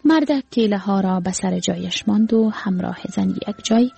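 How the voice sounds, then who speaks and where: A woman reading a story aloud in calm scripted narration, with an Afghan Dari accent. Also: medium pitch, creaky, a little hiss or hum.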